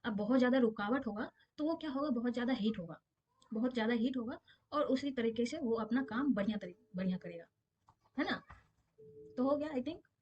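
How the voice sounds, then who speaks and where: A woman teacher talks through exam questions in a relaxed, conversational way. She leans on everyday examples and keeps checking whether things are clear. Her voice sits a little high, and the recording sounds dull and lo-fi. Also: fairly quick. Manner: explains with everyday examples, checks understanding often. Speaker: physics teacher. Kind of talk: casual exam-prep lesson.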